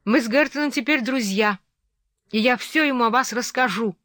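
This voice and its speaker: A headstrong young woman , as the reader of a storybook puts her on, talking back boldly in a raised, high voice. The sound is dry and close-miked. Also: moderate pace, bright, forceful tone, dry recording, close to an everyday voice. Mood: defiant. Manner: bold, raised, defiant.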